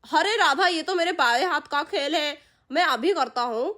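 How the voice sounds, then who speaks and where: A woman's voice: high-pitched, normal speed, bright, forceful tone. A woman voicing a bumbling middle-aged father in a doll story, begging forgiveness and groaning about his back. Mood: boastful. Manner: pleading, groaning comic complaints. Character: bumbling middle-aged dad, sheepish and comic. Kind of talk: Hindi doll-story role-play.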